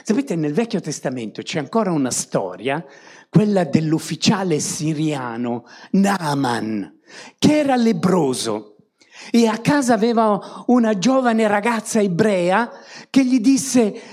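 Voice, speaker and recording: A woman's voice: fairly low pitch, very animated, measured pace, darkish tone. A woman preaching a sermon to a congregation, often tagging on rhetorical questions to draw her listeners in.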